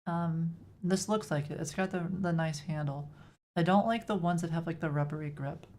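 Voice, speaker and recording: While coding live, this Texas woman keeps up casual conversation with her chat, answering what they ask and teasing herself. Her Texan-accented voice is lowish and darkish, moving at a normal speed.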